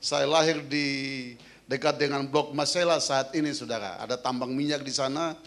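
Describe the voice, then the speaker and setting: A man's voice: mid-range voice, steady tone, moderate pace, fairly bright tone. A pastor from Southeast Maluku, praying and preaching in a fervent style. He repeats phrases rhythmically and calls on the congregation to answer him. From Southeast Maluku, Indonesia. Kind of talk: fervent sermon and prayer.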